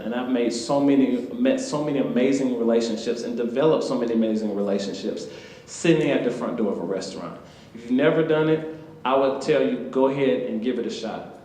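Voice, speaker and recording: A man from Atlanta with a Southern US accent, an author telling a lively, humorous story to students and talking straight to the audience. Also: mid-range voice, slight background noise. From Atlanta, Georgia, US. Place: university event hall. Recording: echoey lecture hall.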